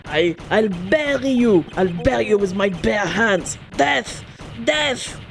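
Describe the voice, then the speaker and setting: A woman reading a game's villain confession aloud in a dramatic, measured way while playing with friends. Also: expressive, gravelly. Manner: dramatic villain read-aloud, slow and low. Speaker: game player reading character lines. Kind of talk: casual let's-play reading with friends. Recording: music playing underneath.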